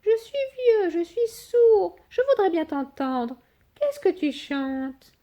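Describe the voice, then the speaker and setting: A woman voicing a sly male fox in a children's storybook, drawling flattery and pretending to be old and hard of hearing. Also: very high-pitched, lo-fi sound, voice pushed up, heavily acted. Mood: sly, coaxing. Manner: slow, wheedling, fakes being old and deaf.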